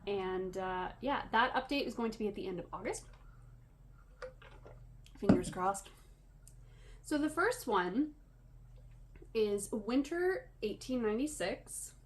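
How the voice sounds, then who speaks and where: Pausing often and speaking slowly, a Canadian woman hosts a podcast in an expressive, mid-range voice. A yarn dyer, she's slightly wheezy and short of breath, drifting into self-deprecating tangents, with clear room noise in the background.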